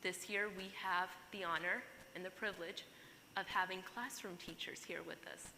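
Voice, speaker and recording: A woman delivers a keynote in a large conference hall. Her voice is very bright and her speech is earnest, and she turns to the audience to speak to them directly. The sound rings with long hall reverb over a faint hiss. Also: fairly low pitch, fairly even intonation, normal speed. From Pakistan.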